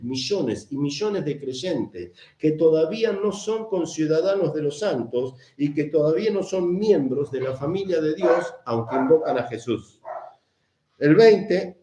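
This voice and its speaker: Emphatic Argentine preacher in echoey room. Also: male voice, a little high, mellow. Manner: emphatic, repeats phrases, asks and answers his own questions. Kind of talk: sermon. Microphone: camera mic.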